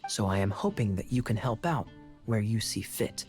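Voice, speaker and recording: A man's voice: fairly low pitch, lively intonation, normal speed, darkish tone, soft background music, natural voice. A man playing a suave, courteous young knight officer in a video game, with a polished, teasing manner. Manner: polished, formal, sly.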